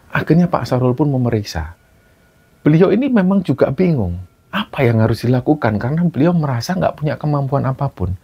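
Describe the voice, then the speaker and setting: A man's voice: medium pitch, sing-song, brisk, husky. A man narrating a supernatural story casually, in a conversational retelling. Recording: dull lo-fi recording.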